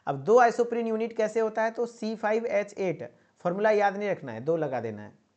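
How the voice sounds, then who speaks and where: A man's voice: high voice, animated, moderate pace, darkish tone, highs cut off. A man giving an online lecture to pharmacy students, repeating points and checking in with a coaxing "okay?". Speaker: pharmacy teacher. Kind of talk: online exam-prep lecture.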